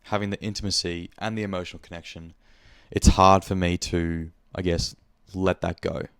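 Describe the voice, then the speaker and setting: A man's voice: low-pitched, level tone, moderate pace, clean tone, no room sound, clean studio sound. A young man with an Australian accent, hosting a podcast in a casual, rambling monologue, speaking frankly and swearing freely. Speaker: podcast host.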